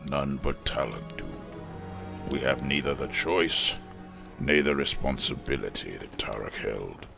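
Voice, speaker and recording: In a fantasy audio drama, a male actor gives voice to a weathered, solemn smith who once preached about fire, his delivery gravelly, measured and reflective. The pitch is extremely low and the performance exaggerated, with music playing behind him. He sounds earnest and urging.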